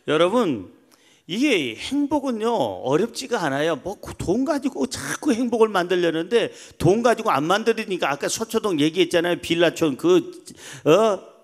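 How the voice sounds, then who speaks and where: A man preaching a Sunday sermon as pastor, emphatic, swinging between loud calls and soft asides. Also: high voice, big pitch swings, normal speed. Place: church sanctuary.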